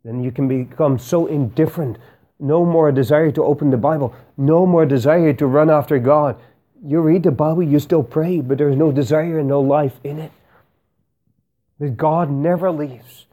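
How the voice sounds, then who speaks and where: A man preaching a sermon in a church, earnest and emphatic, slowing down to stress key words and appealing directly to his listeners. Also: fairly high pitch, warm tone.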